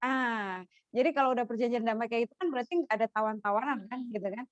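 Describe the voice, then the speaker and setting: A woman's voice: fairly high pitch, fast, no room sound, highs cut off, faint music behind. A woman casually retelling a religious story, chatty, with many fillers and frequent laughs.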